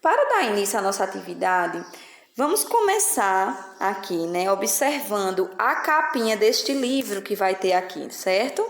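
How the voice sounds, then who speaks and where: In a recorded classroom lesson, a woman with a Brazilian Portuguese accent patiently teaches children, explaining slowly and checking in often with "né?" and "certo?". Her medium-pitched voice swings widely in pitch, and the room is reverberant.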